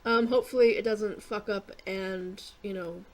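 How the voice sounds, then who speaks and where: A woman casually narrating her gameplay, rambling with lots of fillers and casual swearing, clearing her throat and coughing often. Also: medium pitch, steady tone, moderate pace. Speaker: gaming YouTuber.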